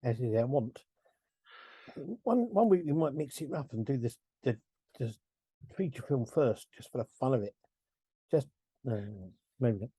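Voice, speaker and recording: A man's voice: mid-range voice, animated, moderate pace, long pauses, mellow, breathy edge, dry recording. A middle-aged man hosting a casual film review podcast, rambling, chuckling and correcting himself as he goes. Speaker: podcast host.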